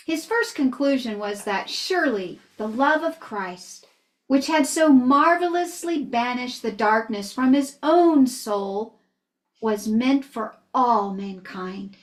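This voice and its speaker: A woman reads a missionary story aloud to children in a slow, earnest way. She keeps pausing to ask them questions. Her voice sits a little high.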